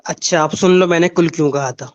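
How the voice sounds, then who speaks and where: A man's voice: a little high, steady tone. Combative cleric man, muffled call audio. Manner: combative, cites Arabic rules, dismissive. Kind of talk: heated online debate.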